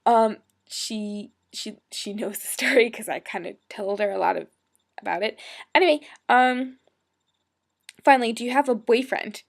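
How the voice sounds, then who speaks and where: A woman's voice: fairly high pitch, moderate pace, creaky. A woman in her twenties chatting casually in a webcam vlog, talking in a hyper, bubbly way and dropping into whispered asides. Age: 20s. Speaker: role-play blogger.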